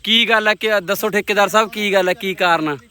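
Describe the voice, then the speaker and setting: A man's voice: high-pitched, steady tone, fast talker, sharp tone. A young man, chatting casually as a vlogger and bantering with friends.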